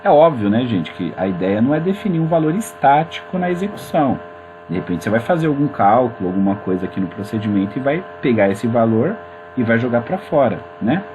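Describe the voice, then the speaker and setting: A man's voice: medium pitch, sing-song, a little fast. A man teaching a programming class in a casual, chatty way, talking viewers through his screen. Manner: chatty and informal, addresses viewers as gente. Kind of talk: screen-recorded coding tutorial. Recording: mains hum in background.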